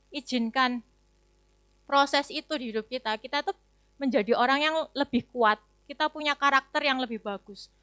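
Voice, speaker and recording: A woman's voice: sits high, pushed and bright, clear, resonant tone, no room sound. A young adult woman giving a chatty, conversational sermon testimony at a youth service, full of casual fillers. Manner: chatty, casual, many fillers and tag words.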